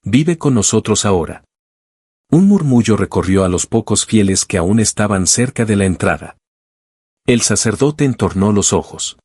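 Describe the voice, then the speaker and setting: A man narrating a scripted story in an even, measured reading. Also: lowish voice, breathy edge, no echo, studio quality.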